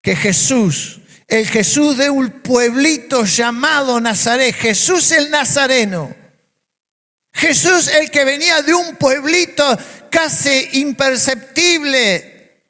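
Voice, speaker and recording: A man's voice: extremely high pitch, pushed and bright, long reverb tail. A man with an Argentine accent, preaching a sermon as a pastor, emphatic and full of repeated phrases. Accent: Argentine Spanish. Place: church.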